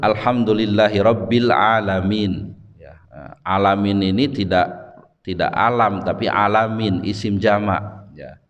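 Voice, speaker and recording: Ustaz bersuara rendah di masjid bergema. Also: male voice, low voice, muffled recording. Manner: conversational, frequent "ya" tags and pauses. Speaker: religious teacher. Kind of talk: dawn mosque study lecture. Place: mosque hall. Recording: long hall reverb.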